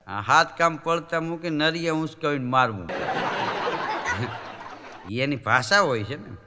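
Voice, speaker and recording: A man's voice: fairly high pitch, a little slow, in a large hall, a loud crowd, heavy background noise. A man telling comic folk stories on stage, acting out the characters' lines. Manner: animated, acts out characters' lines in changing voices. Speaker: stand-up comedian. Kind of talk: live Gujarati folk comedy storytelling.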